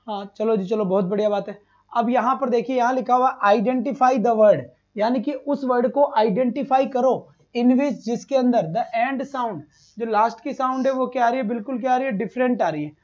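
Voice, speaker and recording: A man's voice: very high-pitched, moderate pace, darkish tone. Man teaching, repeating answers to students. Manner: calls students "beta", repeats answers, asks rhetorical questions. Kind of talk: live online exam-prep lesson. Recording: slightly dull lo-fi stream audio.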